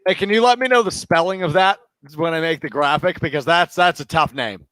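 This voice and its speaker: A man's voice: fairly high pitch, a little fast, sharp tone, no echo. A man co-hosting a casual live draft stream over a remote call, teasing the others and making the graphics. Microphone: remote call mic.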